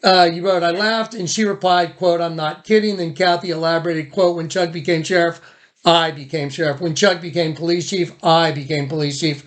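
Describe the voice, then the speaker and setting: Speaking at a normal speed, the man has a fairly high pitch and keeps his intonation fairly even. He hosts a phone conversation being recorded, and his documenting talk is relaxed, conversational, and somewhat rambling.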